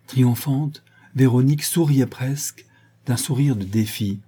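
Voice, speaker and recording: A man narrating a novel in a measured literary reading. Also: mid-range voice, warm tone, slightly rough. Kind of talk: audiobook narration.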